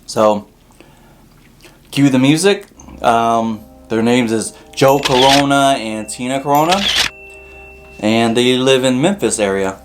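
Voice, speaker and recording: Guy doing a mukbang, mid pitched voice, eating crunchy fried chicken and just chatting informally to viewers. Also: slow, pauses often, loud music behind the voice. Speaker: mukbang show host. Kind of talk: casual chat to viewers while eating.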